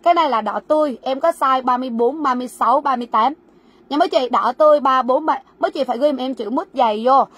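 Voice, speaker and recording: With a quick pace and a high-pitched, fairly bright voice with a breathy edge, a woman runs a livestream sale from a warehouse; there's no echo. She goes over sizes and prices repeatedly, urging viewers to type out their orders.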